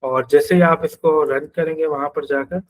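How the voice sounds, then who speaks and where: A male programming teacher with a Pakistani Urdu accent talks through a coding lesson on screen. He thinks aloud and walks through each step, in a voice that sits a little higher than most men's. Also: fairly even intonation, normal speed, poor audio. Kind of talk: screen-share coding class.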